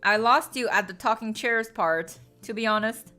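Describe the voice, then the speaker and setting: A woman's voice: fairly high pitch, normal speed, pushed and bright. A young woman streamer chatting casually with viewers, playful and sarcastic, teasing, with many "like" fillers. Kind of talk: casual chat. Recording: faint background music.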